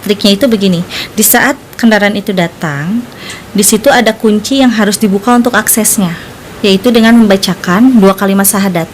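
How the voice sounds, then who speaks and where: A woman guest in an interview, calmly explaining a spiritual practice in a matter-of-fact way. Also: mid-range voice, brisk, slight background noise.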